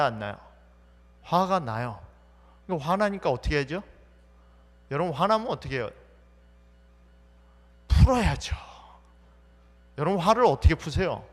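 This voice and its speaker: A man's voice: on the high side, fairly bright tone. A man pastor preaching a sermon, asking the congregation questions and answering them himself, acting out the people in the story. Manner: acts out quoted speech of the story's people. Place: church sanctuary. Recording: church hall reverb.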